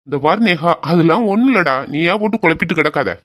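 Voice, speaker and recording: A performer voicing a caring older brother who softly reassures his younger sister in an amateur audio drama. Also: mid-range voice, lively intonation, quick pace, natural voice. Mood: reassuring. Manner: soft, reassuring, affectionate.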